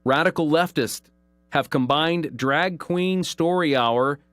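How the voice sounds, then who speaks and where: Hosting a call-in radio show, a man offers commentary and reads news headlines in an earnest, emphatic manner, slowing to stress key phrases. His pitch is fairly high and his tone fairly bright, recorded dry.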